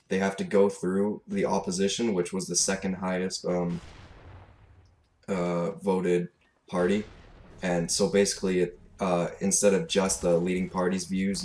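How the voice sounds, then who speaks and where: A man's voice: low voice, darkish tone. A seventeen-year-old young man with a Canadian accent, giving a casual, off-the-cuff commentary rant in a blunt, fed-up, sweary manner. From Alberta, Canada. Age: 17, teenager. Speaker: gaming commentator. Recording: clearly noisy home recording.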